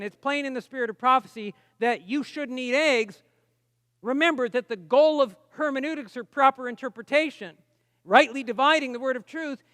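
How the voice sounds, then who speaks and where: Bright high-voiced male preacher. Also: no room sound, studio quality, in a large hall. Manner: conversational, emphatic, asks the audience questions. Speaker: pastor. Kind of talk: camp meeting sermon.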